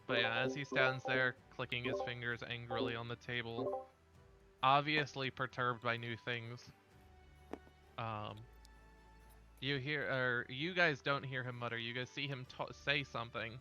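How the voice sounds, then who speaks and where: A man narrating as dungeon master, in a relaxed way with frequent fillers. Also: medium pitch, measured pace, lo-fi sound, over music. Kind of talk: narrating a tabletop game.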